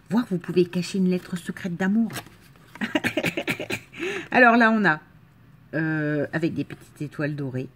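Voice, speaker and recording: A woman's voice: fairly low pitch, lively intonation, slow, long pauses, a bit bright, breathy edge. A woman from the Marne with a slight northern French accent, chatting casually and enthusiastically as she unboxes crafts, with frequent fillers and laughs. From Marne, France. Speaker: crafting vlogger.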